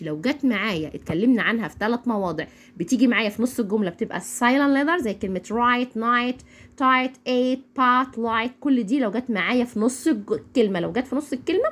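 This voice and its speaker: A young woman with an Egyptian accent teaching English phonics, repeating each word slowly for learners to echo. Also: a little high, husky. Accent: Egyptian Arabic. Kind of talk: phonics lesson.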